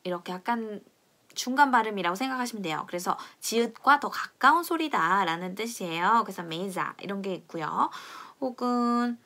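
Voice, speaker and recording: A young woman teaching pronunciation in a friendly video lesson, explaining patiently and drilling sounds slowly for viewers to repeat. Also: mid-range voice, expressive, pushed and bright. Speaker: language teacher.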